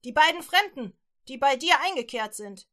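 A woman voicing two gruff male city guards in a children's Bible story, shouting loud demands. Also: sits high, expressive, moderate pace, pitched above the performer's own voice. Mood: demanding.

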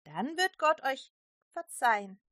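A woman's voice: high-pitched, sing-song, takes it slowly, bright, forceful tone, no room sound, studio quality, full character voice. A woman doing Peter, a bold preaching apostle. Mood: earnest. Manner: earnest, calling out to a crowd.

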